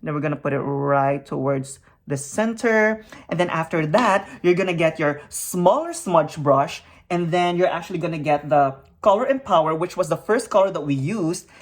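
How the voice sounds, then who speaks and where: The Filipino makeup vlogger's voice here is deep, with lively intonation, a moderate pace and few pauses. Hyper and upbeat, she blends her tutorial with uplifting talk, punctuated by cheerful "you know what?" and "yes!" interjections.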